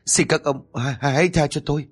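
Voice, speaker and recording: A man's voice: on the high side, steady tone, brisk, slightly rough, soft background music, voice pushed up. A man voicing a pleading young woman. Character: frightened young woman, captive, gentle.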